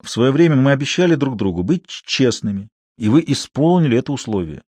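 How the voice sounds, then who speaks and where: A man's voice: mid-range voice, very animated, brisk, warm tone, husky, no echo. A man reading an audiobook who voices a reserved middle-aged detective, clipped, dry and sour. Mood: dry ironic. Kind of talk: audiobook character voice.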